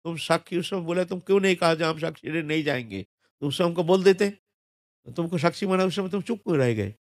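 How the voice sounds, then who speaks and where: A man's voice: a little high, fast talker, dry recording, clean studio sound, close to an everyday voice. A man voicing a poor young Brahmin who pleads and threatens a silent temple idol in a devotional story. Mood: desperate threatening. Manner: pleading, raising his voice in insistence.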